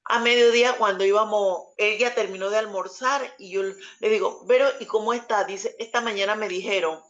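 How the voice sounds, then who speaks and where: A woman's voice: medium pitch, fairly even intonation, moderate pace, fairly bright tone, lo-fi sound. A woman giving an earnest personal faith testimony, telling the story with small hesitations as she goes. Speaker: testimony speaker.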